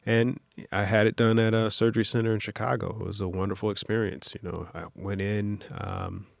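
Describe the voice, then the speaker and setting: A man who works as an orthopedic surgeon, from Detroit, explaining things in a measured interview manner with frequent fillers. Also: lowish voice, level tone, vocal fry, no room sound, studio quality. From Detroit, USA. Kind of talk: interview conversation.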